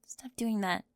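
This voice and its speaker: In an ASMR audio roleplay, a woman plays a high-strung, controlling teenage cheerleader who is tearful, defensive, flustered and irritated, speaking emphatically with sighs and whispers. Her tone is fairly bright, and the studio-quality recording has no room sound.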